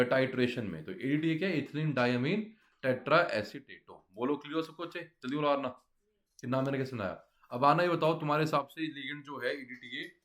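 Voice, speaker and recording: A man's voice: medium pitch, a bit bright. Coaxing chemistry teacher, man. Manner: coaxing, quizzes students often. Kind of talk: classroom lecture.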